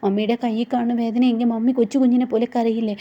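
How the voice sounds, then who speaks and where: A woman's voice: fairly high pitch, flat delivery, fast, highs cut off, natural voice. A woman voicing a harsh, protective middle-aged mother who scolds. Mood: scolding.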